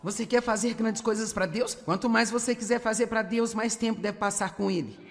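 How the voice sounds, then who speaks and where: A woman's voice: on the high side, steady tone, a little fast, noisy background. Earnest woman preaching in a hall. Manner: earnest, exhorting, direct address to listeners. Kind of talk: dubbed sermon. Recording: long hall reverb, faint crowd.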